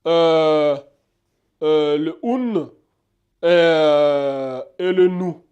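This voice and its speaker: A man's voice: on the high side, very slow, darkish tone, clean tone, highs cut off. Man, casual teacher, repetitive explanations, frequent comprehension checks. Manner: repetitive, checks understanding often. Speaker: Arabic teacher. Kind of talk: casual whiteboard lesson.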